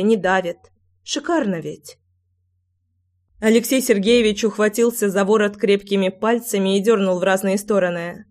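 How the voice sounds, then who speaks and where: A woman's voice: mid-range voice, darkish tone. Brief: woman audiobook narrator, first-person storytelling, wry and breathless asides.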